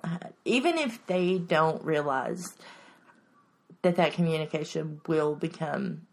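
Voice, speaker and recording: Low-voiced woman giving parenting advice. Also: expressive, unhurried, creaky. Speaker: podcast co-host. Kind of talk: casual chat.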